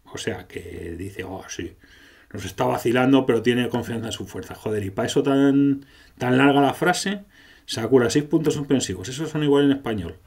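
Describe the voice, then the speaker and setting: A man's voice: mid-range voice, normal speed, a little mellow. Male game commentator; irreverent, sarcastic reads of dialogue. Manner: sarcastic, irreverent, swears freely. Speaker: gameplay commentator. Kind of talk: gameplay commentary, reading and parodying dialogue.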